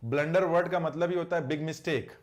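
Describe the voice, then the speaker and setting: A male English teacher running a live online exam-prep class, chatty, with scolding asides to students and slow, careful reading of English sentences. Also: a little high, steady tone. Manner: reads English sentences slowly.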